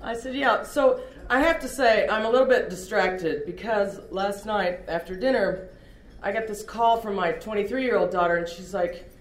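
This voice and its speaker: A woman's voice: mid-range voice, moderate pace, hardly any pauses. Candid middle-aged woman in echoey room. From Oklahoma, USA. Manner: candid, self-deprecating storytelling. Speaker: recovery meeting speaker. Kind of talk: personal testimony talk.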